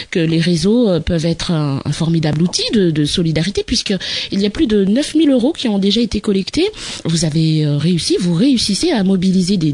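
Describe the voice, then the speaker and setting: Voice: mid-range voice, darkish tone, dry recording. A radio host introducing a topic and asking questions, hesitating often with fillers between phrases. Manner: hesitant, frequent "euh" fillers. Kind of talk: radio interview hosting.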